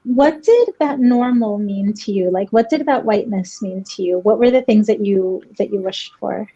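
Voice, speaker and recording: A woman's voice: medium pitch, moderate pace, dark tone. A woman hosting a podcast, asking curious questions in a casual way and laughing easily. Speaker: podcast host. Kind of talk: casual interview. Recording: dull lo-fi sound.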